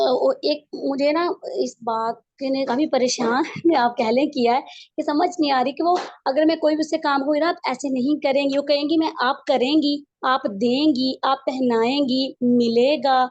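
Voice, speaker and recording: High-voiced woman, mother asking for advice, hesitant, dry lo-fi sound. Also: steady tone, normal speed, darkish tone, no room sound. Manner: hesitant, explains with examples. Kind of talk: questions in an advice session.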